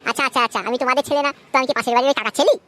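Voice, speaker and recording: A woman's voice: sits high, steady tone, very fast, a bit bright, no echo. A woman voicing a sulky, bratty grown son in a cartoon, whining and complaining about his family. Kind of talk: comic Bengali cartoon voice acting.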